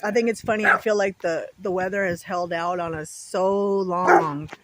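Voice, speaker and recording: A woman vlogger chats casually to viewers outdoors at home with pets around, rambling in a folksy way. Her voice is medium-pitched and steady at a moderate pace, and wind hits the mic.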